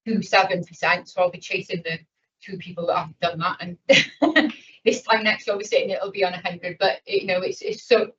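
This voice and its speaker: A woman councillor speaking off the cuff in a council meeting, halting and restarting her sentences. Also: lowish voice, fairly bright tone. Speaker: councillor reporting on safeguarding. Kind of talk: unscripted remarks in a council meeting. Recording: distant, muffled meeting mic.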